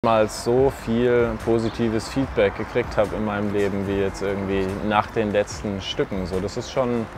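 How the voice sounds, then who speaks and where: Thoughtful lower-voiced man, outdoors. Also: fairly even intonation, normal speed, hardly any pauses, noisy background. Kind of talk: documentary interview.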